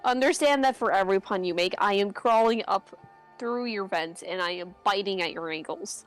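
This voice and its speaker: A woman's voice: medium pitch, moderate pace, faint music behind. A woman joking and chatting playfully as a player in a tabletop game. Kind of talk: casual game chat.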